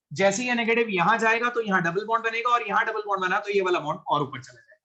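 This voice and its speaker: A man's voice: high voice, fairly bright tone. A male chemistry teacher giving a classroom lecture to students in the room and online, explaining step by step and often checking that they follow, with English science terms mixed into his Hindi.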